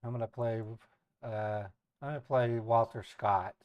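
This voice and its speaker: A man's voice: mid-range voice, fairly even intonation, measured pace, clean tone, no echo, highs cut off. A man with an American accent hosting a live stream, talking casually and unhurriedly as he thinks aloud. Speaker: live stream host who calls scammers.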